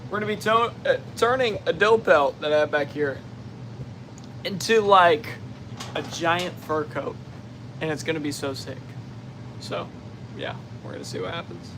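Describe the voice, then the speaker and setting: A man hosting a casual outdoors livestream, talking excitedly and rambling with many fillers while he has the hiccups. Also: a little high, measured pace, pauses often, background noise. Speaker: outdoors channel host.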